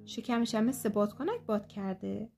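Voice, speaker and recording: A woman narrating a children's fairy tale in a lively, expressive storytelling manner. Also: medium pitch, vocal fry. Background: soft guitar music.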